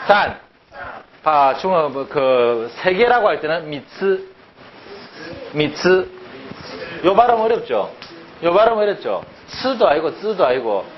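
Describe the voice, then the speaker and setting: A man teaching a language class, lively and drilling words by repeating them with rhetorical questions. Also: fairly high pitch. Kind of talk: classroom lecture. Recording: dull lo-fi sound, faint background noise.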